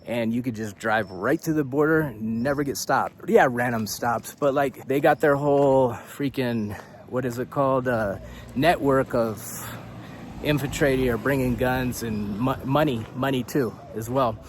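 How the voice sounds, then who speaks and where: A man's voice: medium pitch, a little slow, slight background noise. Rambling casual man. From United States. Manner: casual and rambling, says "dude", swears, laughs between points. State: a bit out of breath. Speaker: vlogger living abroad. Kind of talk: casual talking-head vlog.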